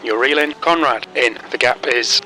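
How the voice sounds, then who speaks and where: A man doing an automated race spotter who gives terse, clipped radio calls in a flat, businesslike way. The voice is very bright and sharp-edged. A faint hiss of noise sits underneath. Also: mid-range voice, moderate pace.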